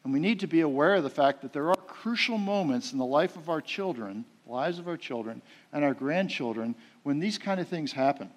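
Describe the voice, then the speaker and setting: A middle-aged man preaching a sermon, telling a family story in a folksy way, with frequent fillers and swings between loud and soft. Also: on the high side, expressive, a little fast.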